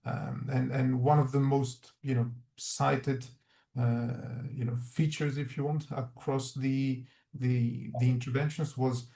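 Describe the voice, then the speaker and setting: Male researcher giving a webinar talk, earnest, halting delivery, echoey room. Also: medium pitch, level tone, creaky, warm tone. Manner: earnest, reflective, many restarts. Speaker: researcher presenting findings. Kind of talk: webinar presentation.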